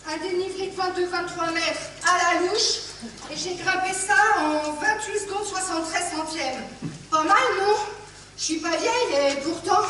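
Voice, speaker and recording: A woman's voice: very high voice, bright, forceful tone, far from the mic. An actress on stage playing a breathless, brash woman taxi driver who rattles off exact numbers. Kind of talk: amateur stage play. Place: theatre stage. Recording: echoey hall miked from afar, background noise.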